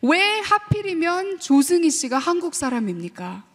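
A woman professor giving a lively sermon-style talk to a church audience, mixing English phrases into her speech and asking the audience questions. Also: extremely high pitch, measured pace. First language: Korean heritage, also fluent in English. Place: church hall. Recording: long reverb of a large hall.

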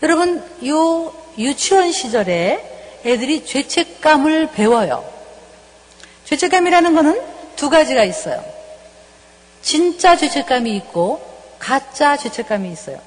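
A middle-aged woman professor giving a parenting lecture, lively and acting out parent and child lines in shifting voices. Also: high-pitched, unhurried. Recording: lecture hall with long reverb.

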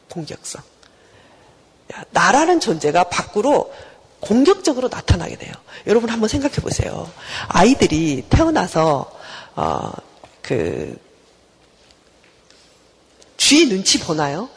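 Female professor, lively lecture delivery, slightly husky, long hall reverb. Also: medium pitch. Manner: animated, rhetorical questions to the class. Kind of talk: university lecture.

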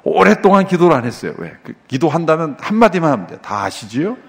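A Korean man preaching a sermon as pastor, lively and full of rhetorical questions to the congregation. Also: a little high, quick pace, gravelly. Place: church sanctuary. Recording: long reverb of a large church hall.

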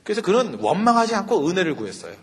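A male pastor lectures at a quick clip, his husky voice leaping up and down as he jokes and throws out rhetorical questions. Everything carries a long hall reverb. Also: sits high. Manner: animated, joking, rhetorical questions. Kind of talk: humorous sermon lecture.

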